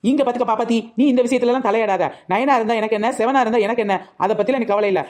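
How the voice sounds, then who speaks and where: A woman plays a brash street seller in a village comedy skit. She talks fast and boldly, with quick comebacks. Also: fairly high pitch, a little mellow. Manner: quick, bold village talk. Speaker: rose plant seller.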